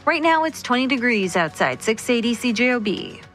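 A woman reading a radio weather report, brisk. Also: fairly high pitch, sing-song, fairly bright tone, faint music behind. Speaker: weather announcer.

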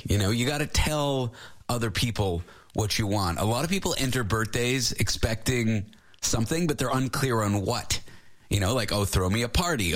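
A man's voice: lowish voice, fairly bright tone. Candid, chatty man in his forties. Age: 40s. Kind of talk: casual chat.

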